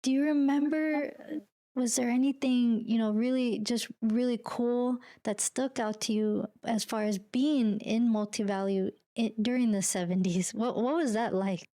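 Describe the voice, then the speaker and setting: Mellow-voiced woman hosting a podcast. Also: on the high side, fairly even intonation, a little slow, no room sound, clean studio sound. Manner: friendly, upbeat, laughs often. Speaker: podcast host.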